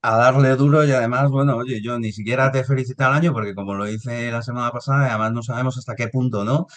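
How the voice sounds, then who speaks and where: A man's voice: mid-range voice, fairly even intonation, fast. A man, hosting a business podcast, hesitant and often restarting his sentences. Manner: hesitant, with many fillers and restarts. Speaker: podcast host.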